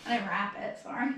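A woman's voice: mid-range voice, fairly bright tone, heavy reverb, distant mic, slight background noise. A woman chatting playfully with her husband at home while he films. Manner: playful, giggly. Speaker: vlogger's wife, co-host. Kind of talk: casual chat. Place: apartment, then outdoor restaurant.

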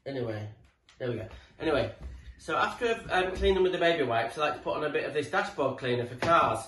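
Fast-talking and lively, this British man in his forties has a high-ish, pushed, bright voice as he rambles through informal tool tips like a tradesman on camera. He comes across matey and chatty, swearing mildly. The living-room recording is echoey, picked up by a camera mic a few feet away, with noise in the background.

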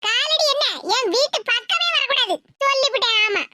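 A very high, piercing cartoon mother-in-law, voiced by a woman, scolding and taunting in a Tirunelveli Tamil accent. She nags without letup, and loud noise hisses under the whole recording. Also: animated, moderate pace. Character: scolding sharp-tongued village mother-in-law. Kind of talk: cartoon voice acting.

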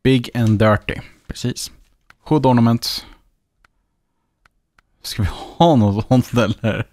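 A man's voice: mid-range voice, darkish tone, no room sound, clean studio sound. A man with a Swedish accent giving casual let's-play commentary, chatting and muttering to himself as he plays. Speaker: gaming YouTuber.

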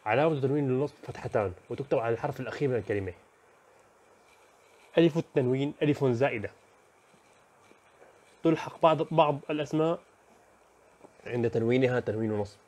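A man talks quickly through an overview of a school lesson. He lists one topic after another in a brisk voice of middle pitch, stopping now and then for fillers and small self-corrections. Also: a little mellow. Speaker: teacher.

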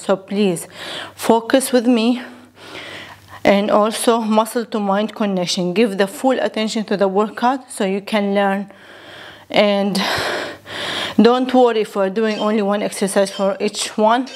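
A young woman with a Lebanese accent, a native Arabic speaker, giving bilingual workout instruction in short imperative cues as she exercises. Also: mid-range voice. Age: young adult. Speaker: fitness instructor. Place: living room at home, indoors.

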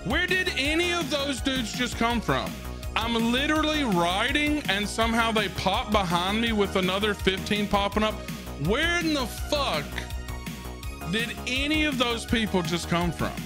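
A man putting on a squeaky, strained brawler voice. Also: animated, unhurried, over music. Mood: outraged. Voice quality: strained, unnaturally high put-on voice. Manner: swears constantly, outraged. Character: brawny male Thursar warrior, gruff and foul-mouthed. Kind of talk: in-game voice chat.

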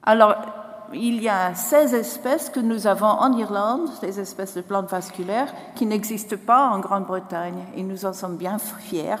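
A woman in her sixties from Ireland with a foreign, Irish accent in French, presenting at a conference in a halting, self-correcting way. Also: medium pitch, slight background noise. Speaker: botanist giving a conference talk. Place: large lecture hall, indoors. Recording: echoey auditorium with long reverb.

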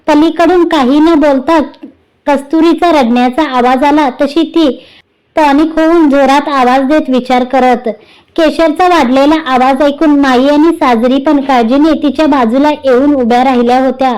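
High-voiced woman narrating a story. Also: fairly even intonation, moderate pace, a little mellow, rough recording. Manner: reads every character's lines in a light variation of her own voice. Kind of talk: scripted narration of a serialized story.

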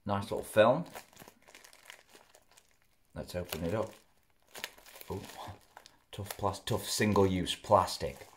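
Young guy, lowish voice, chatty home food vlogger, talks while chewing. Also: slow pace, pauses often, slight background noise. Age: young adult. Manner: chatty, rambling, mouth often full while chewing. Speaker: food reviewer. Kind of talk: casual food review vlog. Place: living room at home, indoors. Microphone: camera close in front.

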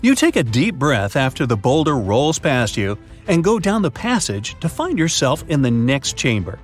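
Animated man narrating a riddle adventure. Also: a little high. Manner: lively, dramatic, second-person storytelling with quiz questions. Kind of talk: scripted narration of riddle story. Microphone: studio voice-over.

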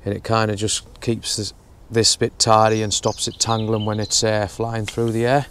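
A young man explaining his fishing setup in a relaxed, step-by-step way while outdoors at a lake. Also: fairly low pitch, moderate pace, slight background noise. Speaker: fishing vlogger. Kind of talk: casual how-to narration. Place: outdoors at a lakeside bank.

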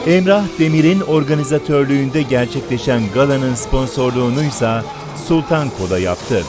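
Male news-feature narrator, medium pitch, scripted delivery, music clearly underneath. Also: normal speed. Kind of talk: scripted event report narration. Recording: voice-over with clear music behind.

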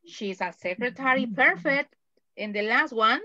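Woman, English teacher, dry close sound, slightly high voice. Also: animated, sharp tone, no room sound, muffled recording. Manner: slow, careful, repeats phrases for students. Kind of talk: online class explaining grammar.

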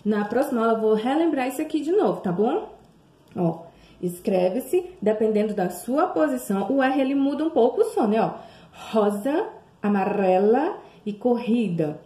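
A Brazilian woman teaching young children, drawing words out slowly and sing-song, with many questions to the class. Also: on the high side, lively intonation, warm tone. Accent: Brazilian Portuguese. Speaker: primary school teacher. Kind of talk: remote lesson for young children. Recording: echoey room.

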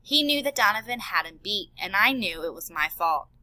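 Bright expressive woman reading aloud. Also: medium pitch, moderate pace, low-quality recording. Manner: expressive storytelling. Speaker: audiobook reader. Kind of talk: audiobook narration.

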